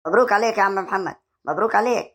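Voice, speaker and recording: A man's voice: high voice, a bit bright. A man voicing a boastful middle-aged village man with an Egyptian accent, who teases and swaggers. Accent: Egyptian Arabic. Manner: rapid, swaggering, teasing.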